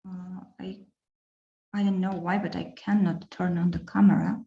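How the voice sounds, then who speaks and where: A woman from Armenia, giving an academic talk in a careful, halting way with fillers. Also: fairly low pitch, flat delivery, creaky, roomy sound, dull audio. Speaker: guest lecturer. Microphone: video call.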